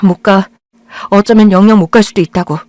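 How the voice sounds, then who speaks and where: A woman playing a harsh, irritable middle-aged mother in an audio drama, snapping in sharp scolding tones. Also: mid-range voice, steady tone, brisk, dry recording, close to an everyday voice.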